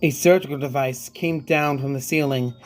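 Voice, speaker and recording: A man's voice: medium pitch, fairly even intonation, moderate pace. A man reading a scripted creepypasta as narrator, with music playing behind him. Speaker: horror story narrator. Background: background music.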